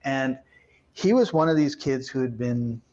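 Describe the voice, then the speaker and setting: A man's voice: medium pitch, measured pace, lo-fi sound. A man telling a workplace story in a conversational interview, acting out the voices of the people in it. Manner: animated storyteller, acts out quoted voices.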